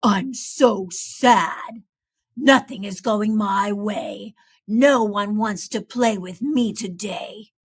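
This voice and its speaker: A woman voicing a storybook alligator with big feelings, speaking in an emphatic, drawn-out way. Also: mid-range voice, husky, pitched below the performer's own voice. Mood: sad.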